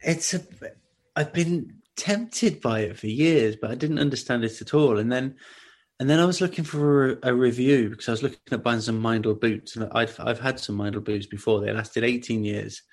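A man as a podcast guest, telling long stories in an animated way with many restarts and asides. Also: mid-range voice, moderate pace. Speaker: guest, outdoor cooking video maker. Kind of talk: casual podcast interview.

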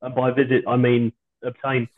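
A low-quality stream carries the thin, narrow voice of a British man. He hosts a podcast in a loose, chatty way, hesitating and rambling with dry humour. It sounds like a video call made from home without a proper microphone. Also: monotone, moderate pace. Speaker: podcast host. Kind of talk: casual chat. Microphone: video call without his usual microphone.

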